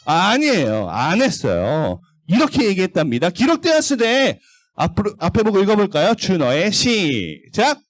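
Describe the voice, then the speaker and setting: A man's voice: sits high, wildly swooping pitch, moderate pace, few pauses, no echo. A man giving a children's sermon at a church service, asking the young listeners questions and leading them to read along. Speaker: children's pastor.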